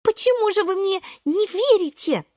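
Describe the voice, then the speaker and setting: Woman voicing a little spinach boy, breathless, eager, very high, dry close sound. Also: very animated, moderate pace, fairly bright tone, no echo, heavily acted. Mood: pleading. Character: excitable little boy spinach sprout, impatient.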